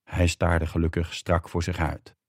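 Deep, husky male storyteller. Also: completely flat delivery, unhurried, no room sound, clean studio sound. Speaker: reader. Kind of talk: audiobook narration.

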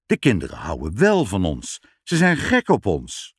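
Man putting on a stern old saint, deep solemn voice, dry close sound. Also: wildly swooping pitch, normal speed, slightly rough, dry recording, full character voice. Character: dignified old male saint, stern and indignant.

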